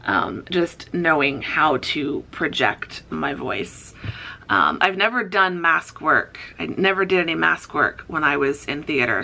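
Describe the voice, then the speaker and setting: A chatty woman vlogging about her day, talking to the camera in an upbeat, rambling way. Her voice sits a little low, with a gravelly fry and a bright, forceful edge. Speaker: author and college writing teacher vlogger. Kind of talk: casual vlog chat to camera.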